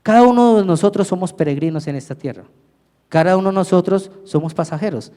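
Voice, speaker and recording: A man from Colombia, a deacon preaching a lively sermon to his congregation, asking them questions and leading their responses. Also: sits high, fast talker. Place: large church hall with congregation. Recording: echoey church hall.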